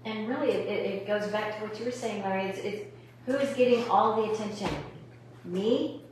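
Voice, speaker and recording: A woman's voice: medium pitch, brisk, a little mellow. A woman in a home Bible study group speaking in a heartfelt, devotional way, recorded in an echoey room. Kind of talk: casual group discussion. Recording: echoey room, faint noise.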